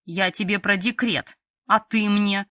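A woman's voice: medium pitch, fairly even intonation, measured pace, bright, forceful tone, dry recording, studio quality. A woman reading an audiobook, voicing a stern, sarcastic female school director with a curt, grumbling manner.

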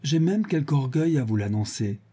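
A man's voice: mid-range voice, animated, moderate pace, husky, pitched above the performer's own voice. A man voicing a brutal, drunken, grandiose male villain who rants and hurls insults, in an audiobook reading. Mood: exalted. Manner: ranting, exalted, shouting insults.

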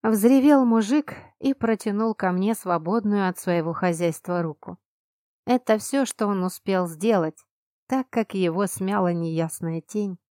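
A woman narrating a first-person fantasy audiobook in an expressive, emphatic manner on a close mic. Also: medium pitch, no echo.

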